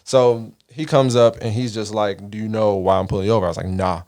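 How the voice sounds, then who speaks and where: Caribbean guy on a podcast, lowish voice, cussing and doing the voices in his story. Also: brisk. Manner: animated, profane, acts out quoted voices. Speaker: podcast host. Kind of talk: casual storytelling.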